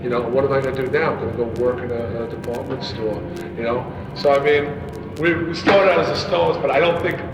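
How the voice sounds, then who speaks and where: A man's voice: medium pitch, fairly even intonation, brisk, lo-fi sound. A man in his twenties, a band member, rambling in a casual interview. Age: 20s. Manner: rambling, restarts often. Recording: echoey hall with loud noise, mic far off.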